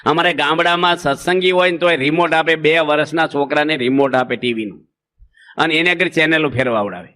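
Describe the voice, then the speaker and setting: A monk delivering a folksy sermon, telling stories and asking the audience rhetorical questions. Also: male voice, on the high side, fairly quick, bright, forceful tone.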